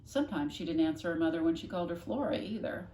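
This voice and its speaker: A woman reading a children's novel aloud expressively, with dramatic, deliberate emphasis. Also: on the low side, dark tone. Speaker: storybook reader, classroom host. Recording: echoey room, faint noise.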